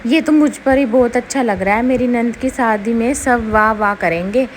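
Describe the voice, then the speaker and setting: A woman's voice: a little high, normal speed, a little hiss or hum, close to an everyday voice. Woman playing a greedy, pushy young sister-in-law. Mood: wheedling. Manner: wheedling, showy.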